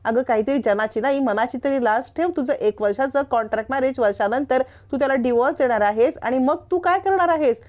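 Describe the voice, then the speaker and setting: A woman's voice: high-pitched, quick pace, few pauses, lightly acted. A woman voicing an angry, protective elder sister who scolds her younger sister. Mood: angry scolding. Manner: scolding, shouting reproaches.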